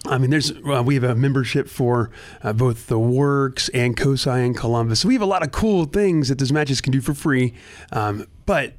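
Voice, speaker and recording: A man's voice: mid-range voice, expressive, moderate pace, hardly any pauses. An earnest man, a guest on a talk show, speaking casually with frequent restarts about volunteering. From United States. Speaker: nonprofit director, guest.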